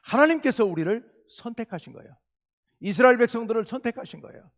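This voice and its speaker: A male pastor preaching a sermon, telling a story with loud outbursts and quiet asides. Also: extremely high pitch, lively intonation, quick pace, in a large hall. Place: church sanctuary.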